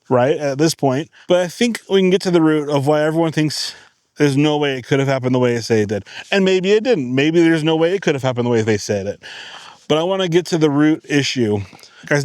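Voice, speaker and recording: Male channel host, casual rambling monologue, raised pitch, dead-dry recording. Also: darkish tone, no room sound. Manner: rambling, checks in with the audience.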